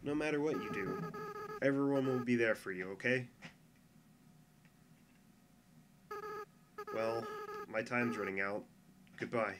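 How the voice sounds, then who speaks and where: A man's voice: mid-range voice, normal speed, background noise, close to an everyday voice. A man voicing a tearful young goat monster boy. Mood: quiet farewell. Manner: soft, pleading and earnest. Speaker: fan voice actor. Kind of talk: fan dub of a game scene. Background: music.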